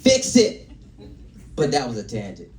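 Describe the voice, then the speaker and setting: A male stand-up comedian performing live, loud and playful, teasing the crowd. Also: medium pitch, wildly swooping pitch, a little slow, slight background noise. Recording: echoey live venue from a distance.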